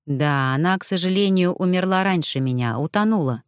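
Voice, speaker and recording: A woman voicing a polite young male ghost who talks in a gentle, sighing, lowered voice, weary and sorrowful. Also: lively intonation, a little fast, clear, resonant tone, no room sound, studio quality, natural voice.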